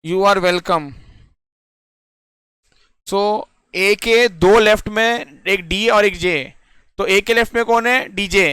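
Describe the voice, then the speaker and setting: A man's voice: high voice, slow pace, pauses often, pushed and bright, clean tone, dry recording, studio quality. A young man teaching a puzzle lesson in Hindi mixed with English in an Indian accent, explaining step by step and often asking if students follow. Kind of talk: classroom lecture on reasoning puzzles.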